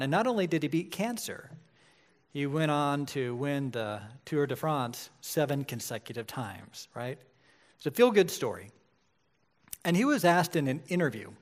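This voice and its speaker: A man in his forties preaching a sermon in a conversational way, often checking in with "right?". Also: fairly high pitch. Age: 40s. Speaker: pastor.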